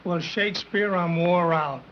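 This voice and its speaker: An actor playing a worn-out, slow-witted tough guy who drawls with bad grammar. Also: high voice. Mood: weary. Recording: dull old 1930s film soundtrack, faint hiss.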